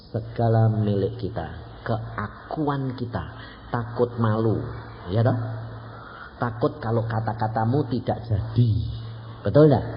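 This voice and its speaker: An elderly man in his eighties with a Javanese accent, preaching a sermon and telling stories, often asking the congregation questions and acting out the dialogue. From Indonesia (Central Java). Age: around 80. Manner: lively, asks the congregation questions, acts out dialogue. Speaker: evangelist preacher. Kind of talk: sermon with anecdotes. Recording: dull low-fidelity recording with faint noise.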